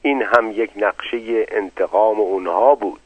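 A man voicing a proud, paranoid old male patriarch who speaks in a muffled, slow, grandiose way, in a narrow phone-like recording. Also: lowish voice, breathy edge, no room sound. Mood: aggrieved.

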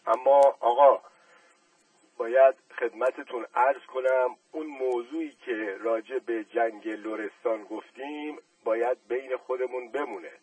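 A man's voice: medium pitch, husky, no echo, far from the mic, close to an everyday voice, rough recording. A man voicing a humble male suitor who speaks in a deferential, formal, earnest way, in a storybook reading.

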